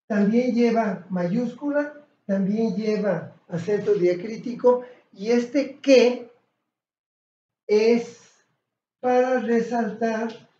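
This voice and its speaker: A man with a high voice explains a lesson at an unhurried pace, pausing often and correcting himself as he goes. He sounds like he is in an echoey room. The recording is dull and lo-fi. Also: mellow. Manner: slow, deliberate, with pauses and self-corrections. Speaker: English teacher.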